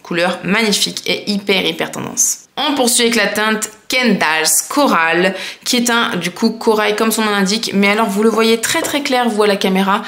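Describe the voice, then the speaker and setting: A woman's voice: mid-range voice, brisk, creaky, few pauses, fairly bright tone. A woman vlogger chatting casually and enthusiastically as she reviews nail polishes, with frequent fillers.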